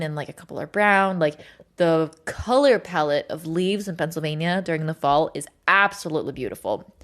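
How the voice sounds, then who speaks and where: A Swedish woman hosting a livestream chats casually and informally with viewers, her voice on the low side. She rambles with plenty of filler words and some swearing.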